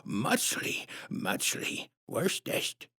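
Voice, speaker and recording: Reading from a storybook, a narrator voices a huge, sinister female clown who speaks in sickly sweet baby-talk rhymes. The delivery is extremely slow, pushed and bright, with an air of sugary menace.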